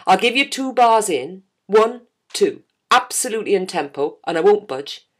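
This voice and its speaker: Woman putting on a geordie conductor guy, gentle lilt, coaxing, voice pushed up high. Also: animated, moderate pace, natural voice. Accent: Geordie, put on.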